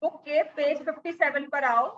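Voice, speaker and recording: Woman teaching maths, high voice, checks in with students, lo-fi sound. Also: fairly even intonation, normal speed, a little hiss or hum. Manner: mixes Hindi and English, checks understanding often. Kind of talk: classroom lesson. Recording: dull lo-fi recording.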